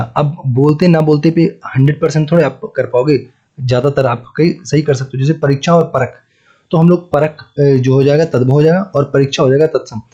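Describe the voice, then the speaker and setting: Man teaching with a mellow, husky voice. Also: medium pitch. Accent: Hindi, north Indian. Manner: repeats answers and quizzes the listener. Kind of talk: exam-prep lesson. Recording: dull lo-fi recording.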